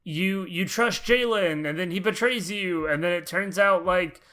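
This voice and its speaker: A man co-hosting a podcast in casual chat, animated and exclamatory, piling up words when excited. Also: high-pitched, unhurried. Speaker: podcast co-host.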